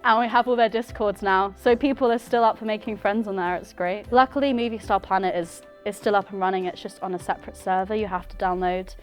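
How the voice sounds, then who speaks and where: A twenty-year-old woman from Brighton chatting in a documentary interview about her childhood games. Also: medium pitch, fairly even intonation, a little fast, few pauses, faint music behind. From Brighton, England. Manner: chatty, reminiscing. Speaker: filmmaker and interviewee.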